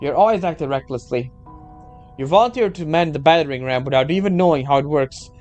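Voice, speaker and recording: Stern, admonishing woman knight, halting delivery, game-story mentor voiced by a male reader. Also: a little high, expressive, darkish tone, dull audio, soft background music, lightly acted. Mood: stern, reproachful. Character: Adelheid, stern self-critical female knight mentor. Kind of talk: game story read aloud.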